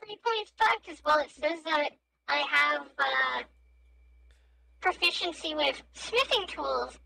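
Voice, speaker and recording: A woman playing in a casual tabletop game chat, playful and quick with jokes. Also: high-pitched, expressive, creaky, pushed and bright, a little hiss or hum, poor audio. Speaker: player. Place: home streaming setup.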